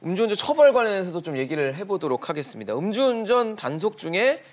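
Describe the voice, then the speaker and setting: Fast-talking guy anchor on a news show, bouncy pitch. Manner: lively, quick questioning. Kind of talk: studio interview questions. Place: TV studio.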